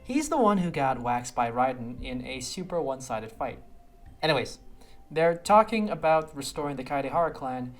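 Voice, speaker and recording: This reviewer improvises relaxed, opinionated remarks on a video game quest at normal speed, sounding very animated in a medium pitch. Music plays in the background of the recording.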